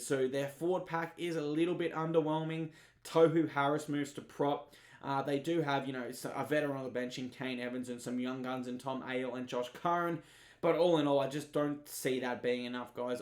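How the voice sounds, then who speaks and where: A man's voice: medium pitch, echoey room. A young Australian man giving casual, chatty rugby league tips and often calling his viewers "guys". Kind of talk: informal tipping preview.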